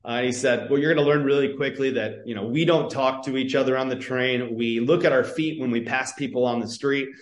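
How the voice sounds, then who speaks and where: A man's voice: mid-range voice, fairly even intonation, a little fast, hardly any pauses, reverberant. A man from northern Michigan, a podcast guest, telling stories in a chatty, casual way with many fillers and restarts. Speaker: podcast guest, public health entrepreneur. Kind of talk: casual conversational interview.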